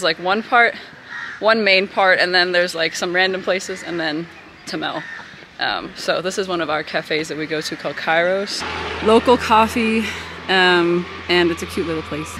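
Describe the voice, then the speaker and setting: A woman's voice: lowish voice, background noise. Chatty, giggly young woman vlogging. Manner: chatty and giggly, talks to viewers. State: out of breath while walking. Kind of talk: casual vlog narration. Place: indoors at home, then walking outdoors in a city.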